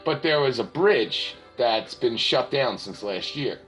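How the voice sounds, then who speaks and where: A man's voice: mid-range voice, measured pace, soft background music, rough recording. A man hosting a podcast in casual chat, telling stories with quoted voices. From Pennsylvania. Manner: animated storytelling with quoted voices. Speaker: podcast host.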